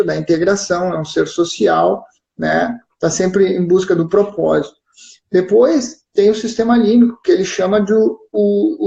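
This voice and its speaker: A man with a southern Brazilian gaúcho accent explains his point patiently, checking in with his listener as he goes. His voice is warm and mellow. It comes through a roomy, somewhat dull live-stream feed. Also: high voice, vocal fry. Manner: explains patiently with frequent "né?" and "certo?" check-ins. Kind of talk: explanatory casual chat.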